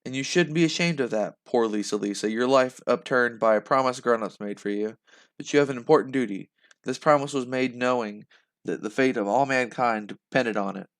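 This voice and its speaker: Gentle comforting mom, soft and soothing; man reading her. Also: mid-range voice, fairly quick, lightly acted. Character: gentle loving mother, calm and comforting.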